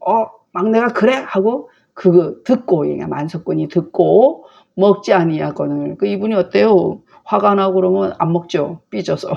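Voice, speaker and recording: Woman lecturer, gravelly, mellow voice, slow chatty explaining of a classical text. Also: fairly low pitch, lo-fi sound.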